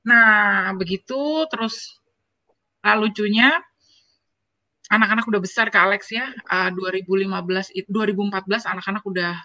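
A lecturer in her forties tells her story in an interview, and her voice comes through bright and forceful. She tells it with feeling and keeps turning to the host as she goes. The sound is dry and close, with no room around it. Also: medium pitch, normal speed, no room sound. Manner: emotional, animated storytelling that often turns to address the host. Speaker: interview guest, university lecturer. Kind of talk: personal storytelling in a conversational interview.

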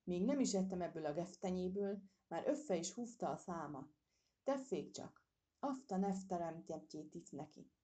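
A woman's voice: fairly low pitch, lively intonation, dark tone, distant mic, lightly acted. A woman voicing a mischievous young male squirrel who lisps as if his mouth is full, in a storybook reading. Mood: disgusted. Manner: lisping, mouth full of bitter chestnut.

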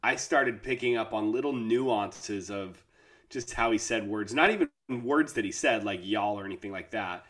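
Over a remote call recording, a man co-hosts a podcast, chatting casually and joking with his partner. His voice sits fairly low with a fairly bright tone at normal speed, and he's playful, laughing often.

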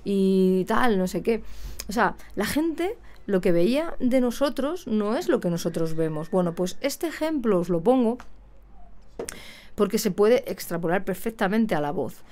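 A chatty woman singing teacher talks straight to her viewers in an easy, lively way. She acts out her students' complaints and her own replies as she explains her point. Her voice sits at a middle pitch for a woman. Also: unhurried. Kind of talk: casual talk to camera.

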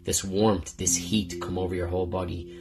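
A man's voice: sits low, level tone, moderate pace, vocal fry. A man hosting a podcast in a rambling, heartfelt personal monologue, swearing often as he talks. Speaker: podcast host. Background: guitar music.

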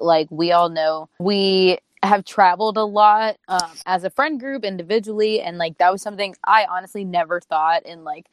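Young woman co-host, twenties, relaxed and reflective, slightly low pitch, dry recording. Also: no echo. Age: 20s. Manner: reflective, many "like" fillers. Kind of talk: casual chat among friends.

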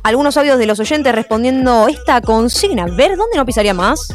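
A woman hosting a live radio show, brisk and chatty. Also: a little high, animated. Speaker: radio host.

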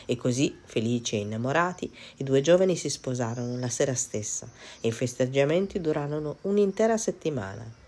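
A woman reads a children's fairy tale aloud with a notably low voice. Her storytelling is expressive and measured, shaping each scene with care. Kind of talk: storybook narration.

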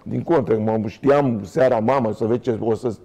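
A man's voice: mid-range voice, creaky, dark tone. An older man, a former footballer telling stories as a guest in a casual interview, rambling and restarting often. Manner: rambling, anecdotal, frequent restarts. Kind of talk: casual conversational storytelling.

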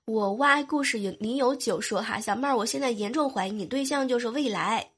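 Young woman w a cold reading out fan messages, teasy and coy, kinda high voice, soft music under it. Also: brisk. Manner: playful, teasing, coy. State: has a cold, sore throat. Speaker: podcast host. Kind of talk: reading out listener messages, casual chat.

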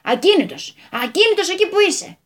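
A woman's voice: very high voice, voice pushed up. A woman doing a fussy, flustered landowner. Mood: fretful bossy. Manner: flustered, excitable, bossy. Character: fussy, hot-tempered male landowner, middle-aged. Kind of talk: radio storytelling.

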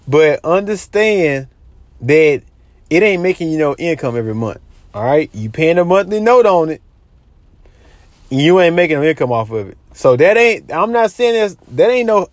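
High-voiced man lecturing casually. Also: lively intonation, moderate pace, dry recording. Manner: repetitive, lecturing, says "you know what I'm saying" a lot. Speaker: money advice vlogger. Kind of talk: casual advice monologue.

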